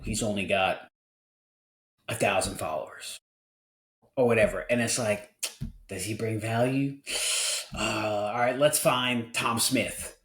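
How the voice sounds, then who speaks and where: A man's voice: fairly low pitch, a bit bright, roomy sound. Earnest forty-year-old podcast host, a man. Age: 40s. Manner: candid and earnest, with frequent restarts. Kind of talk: casual podcast conversation.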